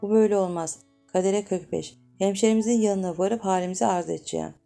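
A woman's voice: medium pitch, fast, gravelly, warm tone, faint music behind, natural voice. A woman voicing Yusuf, a blunt young male cotton-mill worker in a storybook reading, talking in plain village speech. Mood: earnest.

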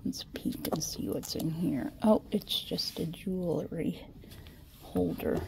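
This Midwestern American woman vlogs casually while shopping, chatty and frequently whispering, recorded with a handheld phone camera inside a large store. She speaks slowly at a fairly low pitch with vocal fry. Background noise is audible in this shop-with-me chat.

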